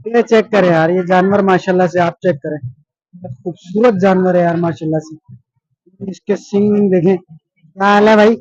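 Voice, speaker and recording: A man's voice: sits high, fairly even intonation, moderate pace, a little mellow, no echo, lo-fi sound. A man, chatting casually through a walking vlog at a livestock expo, repeating himself and joking with animals and passers-by. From Pakistan. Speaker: vlogger. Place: busy indoor livestock expo hall.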